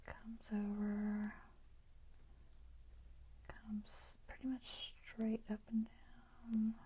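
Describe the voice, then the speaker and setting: A woman whispering softly as she paints, thinking aloud about colors and brushstrokes. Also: on the high side, monotone, drawn-out words, slightly rough, poor audio.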